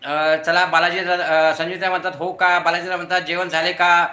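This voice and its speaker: A man's voice: high-pitched, level tone, fairly quick, roomy sound. A middle-aged man hosting a casual live stream at home, reading viewer comments aloud and greeting each viewer by name. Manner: chatty, greets viewers by name, thanks them warmly. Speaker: YouTube live-stream host. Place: home room beside his front door.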